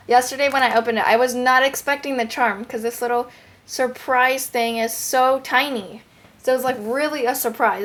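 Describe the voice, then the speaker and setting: A young woman giving a casual, excited product review as a show host, recorded at home through a headphone microphone. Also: a little high. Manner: excited, gushing. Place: bedroom at home. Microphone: headphones used as microphone. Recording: headphone mic with clear background noise.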